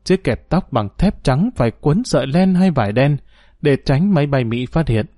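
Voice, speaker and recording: A man reading a serialized story aloud in a calm, measured, formal storytelling manner as the program's host. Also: a little high, no echo, studio quality. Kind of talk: scripted story narration.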